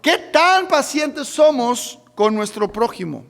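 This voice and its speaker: A man preaches a midweek sermon in a very high voice, firing questions at the congregation and pressing each point until it swells to a shout. His voice rings through a church sanctuary with a long, trailing reverb. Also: sing-song, slow, gravelly. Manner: preaching with repeated calls of "hermano" and questions to the congregation; fervent, rising to shouts. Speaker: pastor. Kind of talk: midweek Bible study sermon.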